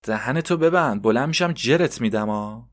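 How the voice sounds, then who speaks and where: A man voicing a snobbish heavyset woman in a bathhouse who scolds in a shrill, contemptuous way. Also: animated, lightly acted. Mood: scornful.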